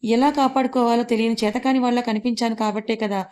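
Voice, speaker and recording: A woman's voice: a little high, steady tone, fast, darkish tone, lightly acted. A woman reading a stern, hurt young husband. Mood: reproachful. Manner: reproachful, scolding. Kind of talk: audiobook character reading.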